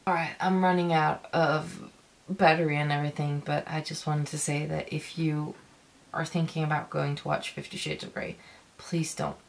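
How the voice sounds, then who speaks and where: Woman doing a casual rant review, deep voice w lots of vocal fry, emphatic, repeats herself, kinda halting. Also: little pitch movement. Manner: emphatic, repetitive, halting ranting. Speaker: film reviewer. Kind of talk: casual video review, talking to viewers.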